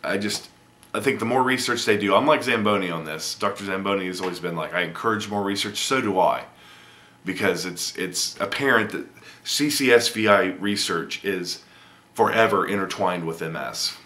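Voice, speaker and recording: A man's voice: low voice, normal speed, pushed and bright. A man, giving a casual, rambling video update with lots of ums and restarts. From Indiana, USA. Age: 30s. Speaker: vlogger.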